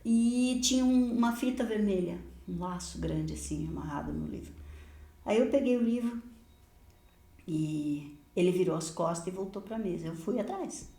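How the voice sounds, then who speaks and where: A woman pastor recounts a personal story in an animated, chatty way, breaking into laughter and acting out the voices in it. Her voice sits at a medium pitch and sounds roomy, with a clear echo around it. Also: normal speed. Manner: lively storyteller, laughs often, acts out dialogue. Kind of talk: telling a personal testimony in podcast chat.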